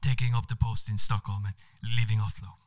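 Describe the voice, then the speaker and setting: A man's voice: lowish voice, flat delivery, a little mellow, lightly acted. A man voicing a flirtatious Spanish male diplomat with a put-on Spanish accent and flowery, broken English. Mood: overjoyed. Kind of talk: comedic story reading.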